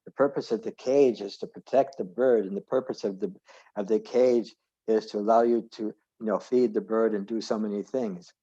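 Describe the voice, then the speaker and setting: A man with a low, mellow voice leads an informal scripture class. He wanders off on tangents and stops to correct himself. His voice comes over a muffled video call line. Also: steady tone, normal speed, breathy edge. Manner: rambling, self-correcting, digressive. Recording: dull lo-fi video call audio.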